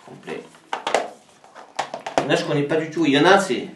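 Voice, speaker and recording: A man's voice: a little high, animated, moderate pace. A man with a southern French accent, chatting casually and counting aloud as he shows a pile of games. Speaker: flea market video host. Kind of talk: casual live unboxing chat. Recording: echoey room, far from mic, noisy.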